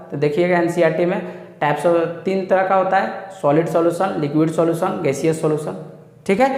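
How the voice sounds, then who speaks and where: A man teaching a chemistry exam syllabus lesson, saying "ठीक है" after each point and reading English topic titles out slowly. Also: on the high side, darkish tone, reverberant, long reverb tail.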